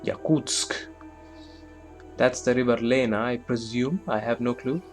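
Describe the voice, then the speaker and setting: A man's voice: mid-range voice, a little slow, faint music behind. A man giving casual, rambling let's-play commentary on a strategy game, with lots of fillers and self-deprecating asides. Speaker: gameplay commentator.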